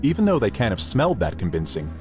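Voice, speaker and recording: A man's voice: fairly low pitch, wildly swooping pitch, fast talker, over music. A man reading scripted nature documentary narration.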